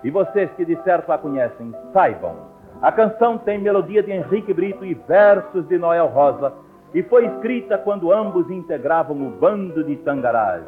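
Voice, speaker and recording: A man with a Brazilian Portuguese accent tells a story on an old radio broadcast, solemn and measured, his voice sitting a little high. The sound is thin and tinny, like a phone line, with faint music underneath. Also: sing-song. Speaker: radio host and narrator. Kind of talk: scripted radio narration.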